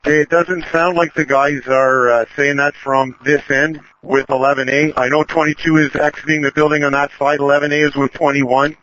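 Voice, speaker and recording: High-voiced man on urgent firefighter radio. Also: flat delivery, a little fast, hardly any pauses, fairly bright tone, dry recording. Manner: procedural, clipped call-and-response. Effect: two-way radio. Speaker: fire control officer. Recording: muffled radio with faint noise, clicks.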